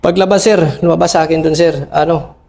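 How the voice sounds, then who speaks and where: A middle-aged man, an army officer, recounting a battle in an interview, halting and full of fillers, respectfully calling his listener sir. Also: fairly high pitch, steady tone, vocal fry, darkish tone. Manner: respectful toward a senior officer. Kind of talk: interview recollection.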